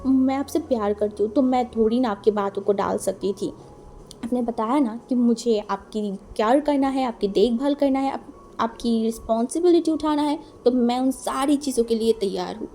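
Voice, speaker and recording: A woman's voice: on the high side, normal speed, mellow, slight background noise, natural voice. A woman voicing a devoted young man in a storybook romance, eager and reassuring as he promises to care for his partner.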